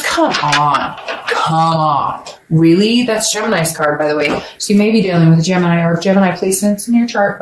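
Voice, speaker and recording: A woman's voice: medium pitch, a little hiss or hum. Brief: casual woman tarot reader, blunt and chatty, in a roomy echo. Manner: rambling, blunt, swears, jokes with viewers. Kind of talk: casual tarot reading to camera.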